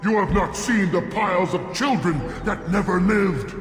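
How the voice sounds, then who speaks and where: An actor playing a boastful, vengeful alien clan warrior in a video game, with bombastic, hammy theatrical delivery. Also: male voice, sits high, moderate pace, lightly acted. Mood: furious, boastful. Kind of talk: hammy villain speech in a sci-fi video game. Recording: echoey hall reverb, game music behind.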